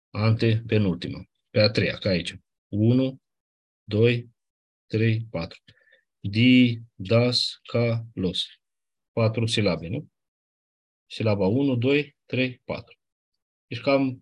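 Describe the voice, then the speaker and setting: Husky low-voiced man giving a lecture. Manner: explains patiently, counts syllables aloud, repeats key rules. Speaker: teacher. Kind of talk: classroom lecture on Ancient Greek accents.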